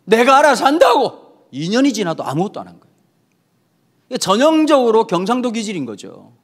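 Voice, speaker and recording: A middle-aged male pastor giving a sermon, telling the story with lively acted-out dialogue. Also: high-pitched, fast. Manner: lively storytelling, acting out quoted characters in dialogue.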